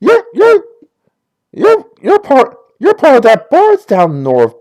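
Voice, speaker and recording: A woman's voice: high-pitched, huge pitch swings, slow, darkish tone, pitched above the performer's own voice, exaggerated voice. A woman voicing a bubbly, gushing sorority-girl druid with a Valley Girl accent in a tabletop game.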